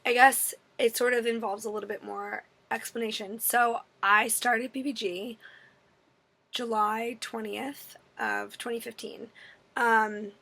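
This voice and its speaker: A woman in her twenties with a hoarse, worn-out voice, chatting casually and apologetically in a rambling Q&A vlog. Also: fairly high pitch, sharp tone. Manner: apologetic, rambling, self-deprecating. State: voice strained and partly gone. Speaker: fitness vlogger. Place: indoors in an apartment.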